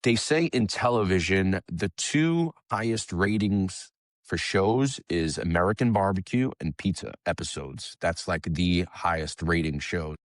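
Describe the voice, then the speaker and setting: Low-voiced New man chatting. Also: measured pace, no room sound, clean studio sound. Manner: relaxed, conversational, swears casually. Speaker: guest, pizzeria owner. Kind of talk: casual podcast chat.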